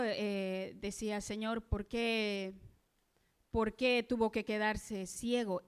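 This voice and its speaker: A woman delivers a sermon at an unhurried, deliberate pace. Her voice is clear and smooth, pitched a touch high, and she leans on rhetorical questions as she reflects on her text. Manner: earnest, slow preaching with rhetorical questions. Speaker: preacher. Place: church.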